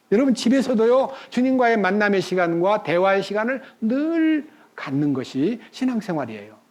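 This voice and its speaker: A man's voice: high voice, a little mellow. A middle-aged man preaching a sermon as pastor, earnest, repeating key phrases and acting out the people in his stories.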